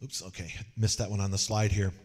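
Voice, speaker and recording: A man preaching a sermon in a folksy, joking way, telling animated stories. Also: lowish voice, fairly quick, long reverb tail. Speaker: pastor.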